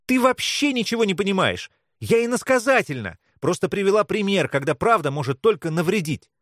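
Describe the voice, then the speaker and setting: A raised, swooping voice for an anguished teen girl who lashes out and then pleads, as a male audiobook reader puts her on. The delivery is lively and sharp, leaping up and down. The recording is close and dry. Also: high-pitched, brisk, dry recording, pitched above the performer's own voice. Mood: earnest. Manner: sharp and impassioned, snapping between pleading and scolding. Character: tense, defensive teenage girl with a painful secret. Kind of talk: audiobook character voice.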